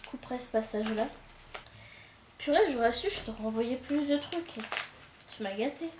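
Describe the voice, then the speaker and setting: A woman's voice: fairly high pitch, moderate pace. Chatty woman unboxing in an echoey room. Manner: chatty, many fillers and restarts, excited exclamations. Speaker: book vlogger. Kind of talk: casual unboxing chat. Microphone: camcorder. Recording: echoey room with faint noise.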